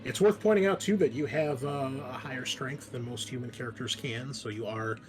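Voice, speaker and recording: Over music, a man with a medium-pitched, fairly quick voice hosts a tabletop game session as game master and show host, chatting casually and warmly welcoming his players.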